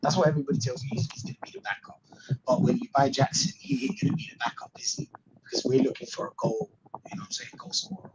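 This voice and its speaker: A man's voice: on the high side, fast talker, gravelly, lo-fi sound. Man on a crackling distorted mic. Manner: animated, ranting, repeats himself. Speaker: co-host on a fan livestream. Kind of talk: casual chat.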